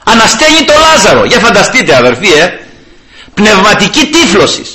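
A man's voice: high-pitched, huge pitch swings, sharp tone. Fiery man preaching a sermon. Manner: fiery, keeps calling out to the brothers with rhetorical questions; reads scripture in an old formal cadence, then preaches freely. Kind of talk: sermon with scripture reading.

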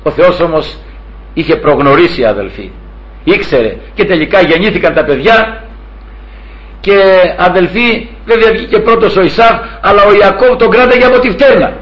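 A man in his sixties preaches with fervor, retelling scripture and his own stories. His voice sits high for a man. The recording sounds dull and lo-fi. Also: animated. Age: 60s. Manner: fervent, storytelling, often addressing brothers. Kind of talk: sermon.

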